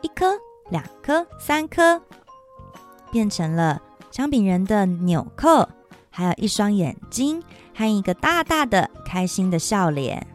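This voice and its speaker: A woman's voice: medium pitch, big pitch swings, measured pace, soft background music. A woman hosting a children's story podcast, reading a picture book aloud in a sing-song manner addressed to kids. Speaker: storytelling mother, podcast host.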